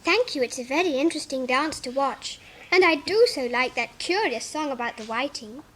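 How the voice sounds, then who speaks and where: High-voiced, polite little Alice. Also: female voice, animated, normal speed, fairly bright tone, a little hiss or hum. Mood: polite, interested. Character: polite, curious, well-spoken little English girl. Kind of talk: 1950s dramatised storybook recording.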